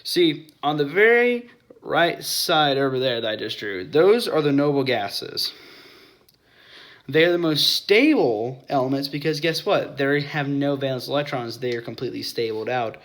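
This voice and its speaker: A man's voice: medium pitch, lively intonation, measured pace, a bit bright. A young man explaining chemistry in a casual whiteboard lesson, often stopping to correct himself and apologize.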